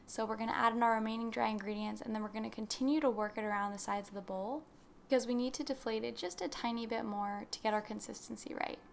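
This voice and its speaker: A woman's voice: fairly high pitch, steady tone, fast talker, vocal fry, slight background noise. A young woman narrating a baking recipe as a voice-over, explaining each step in a friendly instructional way. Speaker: baking channel host.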